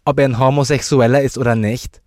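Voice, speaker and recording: A man's voice: mid-range voice, steady tone, brisk, no room sound, studio quality, voice pushed up, close to an everyday voice. A man putting on a cheeky foul-mouthed girl. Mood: defiant. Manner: loud, blunt, defiant.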